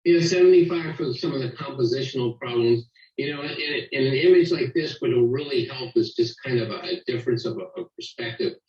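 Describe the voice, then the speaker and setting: A man critiquing photographs as a competition judge, measured and peppered with "you know". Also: medium pitch, animated, darkish tone. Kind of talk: spoken critique. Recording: roomy, dull distant sound.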